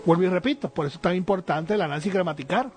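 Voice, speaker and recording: A man with a high voice teaches the Bible in an earnest, searching way. He pauses often on fillers and checks in with his listeners, while faint music plays underneath. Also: expressive. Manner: earnest, with frequent hesitant fillers and repeated "right?".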